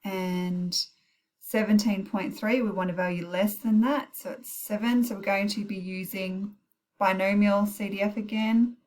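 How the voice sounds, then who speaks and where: A woman gives an informal maths tutorial in a mid-pitched voice. She thinks aloud as she works through each calculator step, with small self-corrections and quick apologies along the way. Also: steady tone, a little mellow. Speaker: maths teacher. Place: recorded while heavy rain pours outside.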